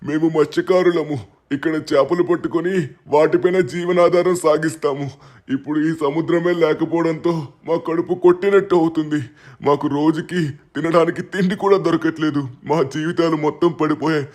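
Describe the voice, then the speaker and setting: A man's voice: fairly high pitch, fairly even intonation, a little fast, a little mellow, natural voice. A man voicing a desperate older fisherman in a fan-dubbed game story, lamenting and pleading. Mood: despairing. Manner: lamenting, pleading, addresses the host as son.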